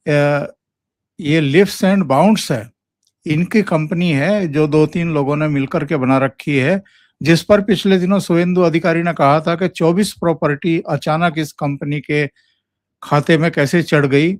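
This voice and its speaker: Man, host, slow deliberate delivery, fairly high voice, dry close sound. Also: dry recording. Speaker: show host. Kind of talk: conversational political discussion.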